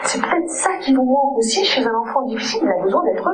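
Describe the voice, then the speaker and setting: A woman's voice: fairly high pitch, expressive, fast, crowd noise, rough recording. A woman child psychologist giving an earnest conference lecture and often checking in with her audience.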